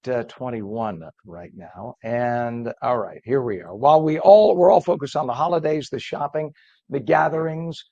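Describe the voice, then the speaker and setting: A hoarse man with a croaky frog voice, hosting live news in a chatty, halting way and interviewing a guest. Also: mid-range voice, mellow, dry recording, lo-fi sound. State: hoarse, struggling with voice. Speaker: news host.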